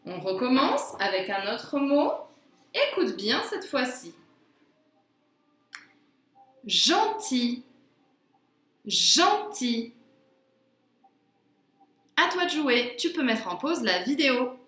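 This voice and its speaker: Woman, phonics teacher for young kids, drawn-out careful words, animated pitch, echoey room. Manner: slow, careful, drawn-out word pronunciation. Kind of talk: phonics lesson for young children.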